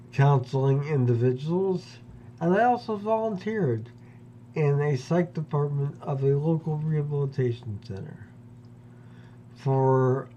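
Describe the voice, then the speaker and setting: A vlogger from Pennsylvania in his fifties gives a personal monologue slowly and deliberately, pausing long and often to weigh each phrase. His mid-range voice is mellow and dark. The lo-fi recording is dull, with a faint hum underneath.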